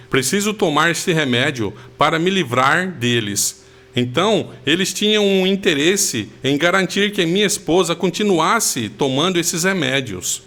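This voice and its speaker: Earnest man telling a testimony, higher voice. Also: fairly bright tone. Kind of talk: personal testimony narration.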